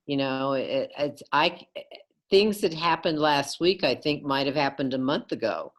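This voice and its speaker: Woman astrologer, deep voice, talks real slow and halting. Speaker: astrologer co-host. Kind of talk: casual conversation.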